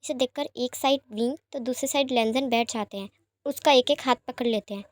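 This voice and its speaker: A woman narrating a romance fan fiction story aloud in a plain, even manner. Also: high voice, fairly quick, dry recording, clean studio sound.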